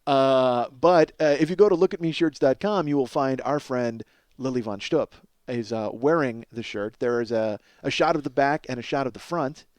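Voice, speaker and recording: A man in his forties hosts a comedy podcast, rambling through casual stories in a profane, self-deprecating and emphatic manner. His mid-range voice has a darkish, clear, resonant tone and moves at a moderate pace. The recording is dry.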